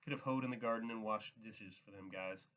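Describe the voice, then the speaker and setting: A man's voice: on the low side, fairly quick, a bit bright, natural voice, poor audio. A man reading a worried old ranch hand. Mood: pleading. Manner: pleading, repetitive questions.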